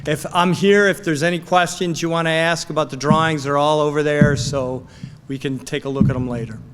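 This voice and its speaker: Halting man giving brief thanks. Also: fairly high pitch, fairly even intonation, big-room sound, background noise. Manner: halting, stumbles over his words. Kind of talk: short thank-you remarks.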